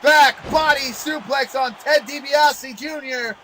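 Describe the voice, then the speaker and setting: A man calling play-by-play as a wrestling commentator, excitable and exclamatory in his delivery. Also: extremely high pitch, takes it slowly, a little hiss or hum.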